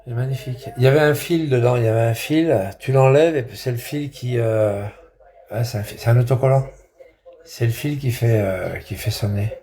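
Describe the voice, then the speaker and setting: A man's voice: medium pitch, moderate pace, dark tone. A man chatting casually in a rambling, repetitive way, with crude slang. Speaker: vlogger. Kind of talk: casual vlog chat.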